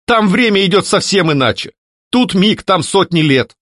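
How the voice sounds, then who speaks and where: A man voicing the ghost of a disgraced nobleman, begging loudly and frantically. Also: high-pitched, animated, normal speed, no echo, studio quality, pitched above the performer's own voice. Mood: earnest. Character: ghost of a scheming young nobleman, pleading.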